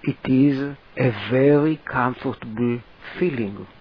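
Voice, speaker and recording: A man narrating a guided relaxation, giving slow, deliberate instructions in short phrases with a husky voice. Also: mid-range voice, highs cut off.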